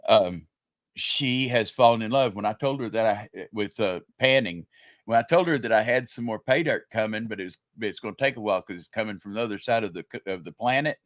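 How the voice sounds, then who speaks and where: A man's voice: on the low side, a little fast, dry recording. An older man, a grandfather, chatting casually and telling stories on a livestream. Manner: chatty storyteller. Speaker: livestream panelist. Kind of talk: casual chat.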